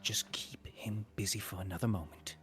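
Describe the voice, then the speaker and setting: A man puts on a wizard trapped in a cat's shape, whispering urgently from inside a bag. The low voice comes out muffled and hushed, as though pressed through cloth. Faint music plays underneath. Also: fairly even intonation, normal speed. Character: male wizard hidden as a cat in a bag. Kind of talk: game master voicing a character.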